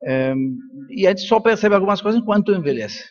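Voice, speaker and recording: With a high, animated voice and a brisk delivery, an older neuroscientist and professor from Colombia speaks at a congress. A native Spanish speaker, he gives an informal, reflective talk drawing on personal stories, heard through dull audio.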